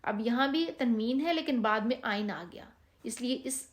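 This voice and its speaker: A woman with a Pakistani Urdu accent teaching Quran reading, explaining rules step by step and slowly drawing out each practice word. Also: a little high. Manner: patient, drawn-out reading of practice words. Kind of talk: step-by-step recitation lesson.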